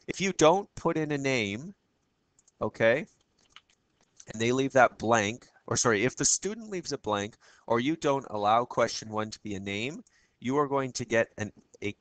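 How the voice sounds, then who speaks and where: A man with a froggy, croaky voice giving a casual screencast tutorial as a teacher, chatting through each step and often checking in with "okay?". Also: mid-range voice, fairly bright tone, no echo.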